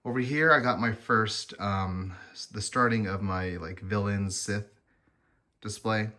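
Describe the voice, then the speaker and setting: A man casually walking through his collectible figure displays, chatty and rambling, often pausing with ums and correcting himself. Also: lowish voice, sharp tone. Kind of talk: casual vlog walkthrough.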